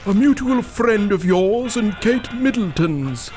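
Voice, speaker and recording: A man's voice: sits high, animated, slow, darkish tone. A man voicing a deferential royal servant who speaks formally, with music playing underneath.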